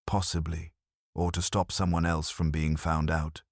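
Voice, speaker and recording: A man voicing a gentle, shrewd elderly lady detective in an audiobook, speaking softly and politely. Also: rumbling low, flat delivery, measured pace, no echo, studio quality, heavily acted. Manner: soft, polite and probing.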